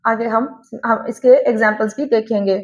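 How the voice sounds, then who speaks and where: A woman with an Indian accent teaching English phonics, drilling word pairs slowly and carefully. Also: a little high, fairly even intonation. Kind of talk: phonics lesson. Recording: echoey room, slightly dull.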